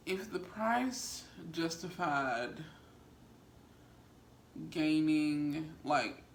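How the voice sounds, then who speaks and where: A woman with a gravelly, fry-laden voice talks casually to her viewers as a mukbang vlogger. Her delivery rambles conversationally, and the room rings with noticeable echo over faint background noise. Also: low-pitched. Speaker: vlogger and small business owner.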